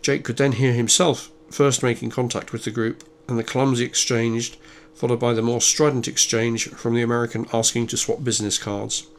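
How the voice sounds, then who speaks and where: A man reading a thriller as scripted narration, measured and even, lightly voicing the dialogue. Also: mid-range voice, a little hiss or hum. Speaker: audiobook narrator.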